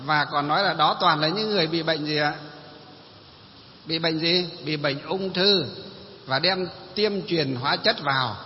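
A man's voice: on the high side, a little slow, a little hiss or hum. A man giving a Buddhist sermon who keeps posing questions to his listeners and answering them himself. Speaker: Buddhist preacher. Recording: long hall reverb, dull lo-fi sound.

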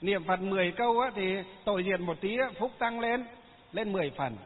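A Buddhist monk gives a chatty Dharma talk, his voice pitched high for a man. The sound is thin and phone-like, carried in a hall with a long echo. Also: brisk. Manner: folksy, chatty storytelling with frequent fillers.

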